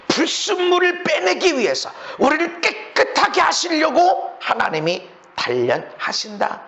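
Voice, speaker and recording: A man preaching a sermon as pastor, swinging from low murmurs to shouted lines. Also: gravelly, lo-fi sound.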